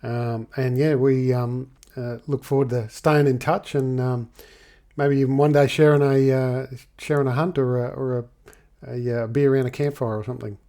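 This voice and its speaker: An Australian man hosting a casual podcast interview, speaking in a hesitant, halting way. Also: medium pitch, level tone, warm tone. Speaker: podcast host.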